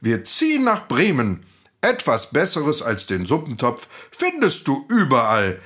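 A man's voice: medium pitch, huge pitch swings, measured pace, a bit bright, pitched above the performer's own voice. A man voicing a cheerful, bossy old male donkey in a fairy tale reading, talking in an eager, coaxing way. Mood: encouraging.

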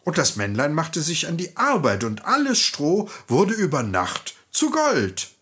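A man tells a fairy tale to children, slowly and with a lively, rising and falling voice. His tone is slightly husky and breathy, and he lingers on each phrase. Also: fairly high pitch. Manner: lively, expressive storytelling. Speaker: children's storyteller.

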